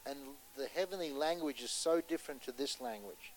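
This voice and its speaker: Impassioned male preacher, loud then hushed. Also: on the high side, brisk, a little hiss or hum, poor audio. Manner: impassioned, swinging between loud urgency and hushed storytelling; asks the audience rhetorical questions. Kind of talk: sermon.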